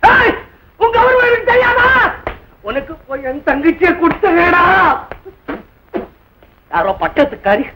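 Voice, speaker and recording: A quarrelsome, sarcastic husband with a high, wildly swinging voice in an old film comedy. He taunts and accuses loudly, and every line rides on a hissy vintage soundtrack. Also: very animated, moderate pace. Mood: ranting. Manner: loud, mocking, quarrelsome. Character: bullying, jealous husband, sarcastic and hot-tempered. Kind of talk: 1960s Tamil film acting.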